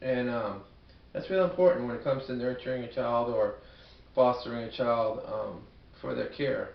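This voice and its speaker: Echoey, halting man with a Brooklyn accent. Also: medium pitch, gravelly. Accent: Brooklyn, New York. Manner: halting, self-deprecating, repeats words. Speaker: student presenter. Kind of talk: informal amateur video presentation. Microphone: camcorder at a distance. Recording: echoey room, distant muffled camcorder microphone.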